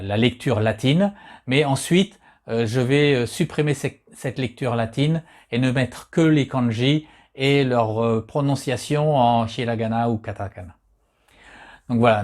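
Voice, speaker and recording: A man explaining Japanese characters in a patient lesson, pausing often and restarting his sentences. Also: mid-range voice, a little mellow. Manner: frequent hesitations and restarts, patient and plain. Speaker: kanji teacher.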